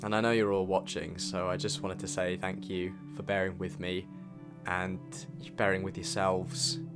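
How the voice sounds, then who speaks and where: A young British man, a video creator and student filmmaker, narrates a scripted year-in-review vlog in a reflective, earnest way over guitar background music. His deep voice holds a level tone at a moderate pace.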